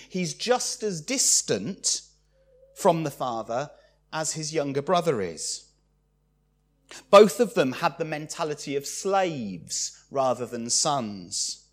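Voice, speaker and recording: A man preaching a sermon, expressive and acting out the lines he quotes. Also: on the high side.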